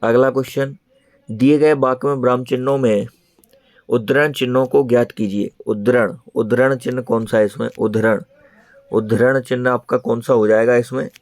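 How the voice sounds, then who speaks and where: A man's voice: mid-range voice, steady tone, moderate pace, darkish tone, dry recording. A man teaching an online exam prep lesson in speech, repeating each answer as he explains it.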